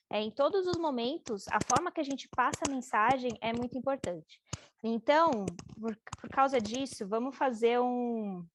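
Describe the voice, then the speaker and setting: A woman's voice: fairly high pitch, a little hiss or hum. Chatty Brazilian woman running a workshop. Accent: Brazilian Portuguese. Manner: chatty, informal, lots of fillers and quoted asides. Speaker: trainer. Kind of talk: casual workshop training talk.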